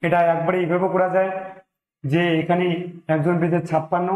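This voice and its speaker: A man's voice: high-pitched, level tone, a little fast, darkish tone, reverberant, poor audio. A man teaching an exam-prep maths lesson, talking through each sum step by step, with a Bengali accent and English numbers mixed in.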